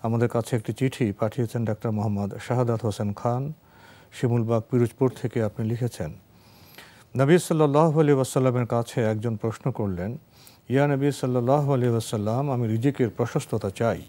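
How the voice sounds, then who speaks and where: A man's voice: mid-range voice, a little fast, mellow. A man hosting a religious question show, formally reading viewers' letters aloud. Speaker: host.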